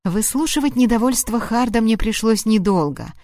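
Lady reading a novel out loud, dramatic, dry no-echo sound. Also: fairly high pitch, lively intonation, moderate pace. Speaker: audiobook narrator. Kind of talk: expressive first-person novel reading.

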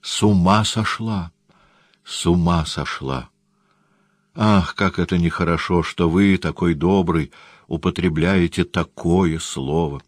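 A man voicing a gentle, resigned young woman in an audiobook, speaking softly and quietly. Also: low voice, takes it slowly, dry recording, studio quality. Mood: sorrowful. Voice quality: soft, quiet. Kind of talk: audiobook character reading.

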